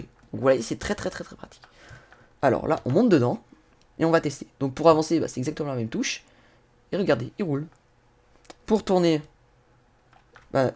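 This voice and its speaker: His voice is fairly high and a bit mellow. He's a gaming YouTuber doing relaxed tutorial commentary, chatting directly with viewers while laughing and swearing over his own slip-ups.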